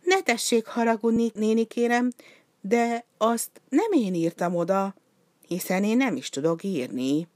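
A woman's voice: medium pitch, animated, darkish tone, no room sound, voice pushed up, close to an everyday voice. A woman voicing a small, polite male penguin with a pleading, apologetic manner.

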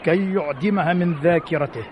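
A man's voice: a little high, slight background noise, lightly acted. Muffled old-radio army commander played by a man. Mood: pensive. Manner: measured formal delivery, dryly witty. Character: calm, wry, authoritative male Carthaginian army commander. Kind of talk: old Arabic radio drama acting.

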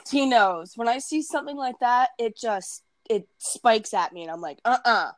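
A woman with a raspy, just-woken voice chatting casually and playfully as a podcast co-host. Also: fairly high pitch, moderate pace, no echo. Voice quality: raspy, just-woke morning voice. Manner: playful, bantering. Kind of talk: casual chat.

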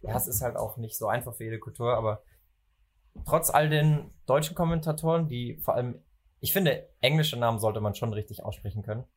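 Young german guy, slightly husky voice, ranting about football, gets lively on his points. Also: medium pitch, fairly quick. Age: young adult. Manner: opinionated, lively, animated when making a point. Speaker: podcast host. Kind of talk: casual football chat.

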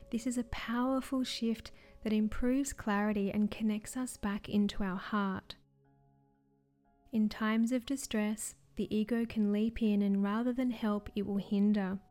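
A woman wellness coach reading scripted guidance in a soft, soothing, measured way. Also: mid-range voice, steady tone. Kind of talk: scripted wellness narration, guided relaxation. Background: music.

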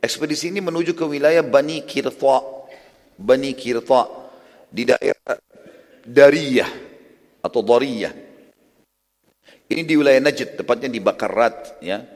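A man preaching, retelling a history story with lively acted quotes and sudden shifts between loud and soft. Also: medium pitch, normal speed. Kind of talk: Islamic history lecture. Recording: reverberant hall.

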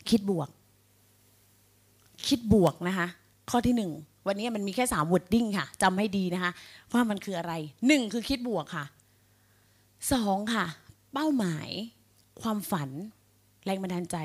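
Middle-aged woman doing a hyped up sales pep talk, quizzing the crowd, super energetic. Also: mid-range voice. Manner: energetic, rallying, addresses audience directly with questions. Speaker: motivational speaker at a sales agents' meeting. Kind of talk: motivational speech to a live audience.

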